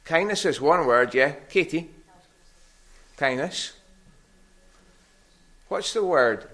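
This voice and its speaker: A middle-aged man with a Scottish Hebridean accent, giving a conversational children's sermon as an animated story with questions to his listeners. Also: a little high, slow. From Harris, Scotland. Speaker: preacher giving a children's talk.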